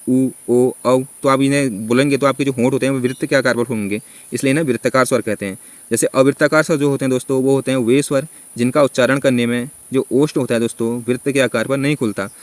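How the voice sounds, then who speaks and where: A man teaching an exam-prep grammar lesson, who keeps checking in with his listeners and stretches vowels out slowly to show them. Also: mid-range voice, dry recording. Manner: repeats "theek hai" and "doston" constantly.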